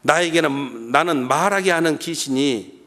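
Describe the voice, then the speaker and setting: A man's voice: fairly high pitch, measured pace. A middle-aged man preaching at a revival meeting, telling a story and acting out his own prayers for the congregation. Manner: animated, acts out his own prayers and shouts; addresses the congregation often. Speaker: guest pastor at a revival meeting. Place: church sanctuary. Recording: long church reverb.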